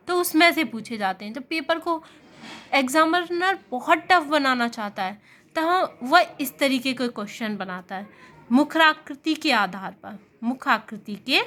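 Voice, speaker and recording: A woman teaching Hindi grammar for exams, asking questions and answering them herself, and sounding out vowels slowly. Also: sits high, pushed and bright. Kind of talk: exam-prep lesson.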